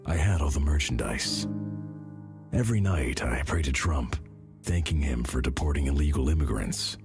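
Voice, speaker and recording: A man narrating a meme story in a slow, deadpan way, his voice pitched way down so it sounds unnaturally deep. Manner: slow, flat, deadpan delivery. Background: music playing under the voice.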